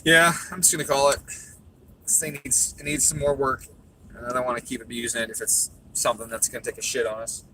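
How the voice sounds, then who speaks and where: Bright-voiced man in casual shop chat. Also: medium pitch, level tone, fast talker, a little hiss or hum. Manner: laid-back, swears freely, answers viewer questions. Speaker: tuning shop host.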